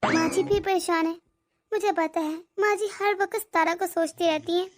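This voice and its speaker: A woman voicing a gentle, caring young daughter-in-law who speaks politely and soothingly. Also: very high voice, steady tone, moderate pace, pitched below the performer's own voice. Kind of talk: cartoon voice acting.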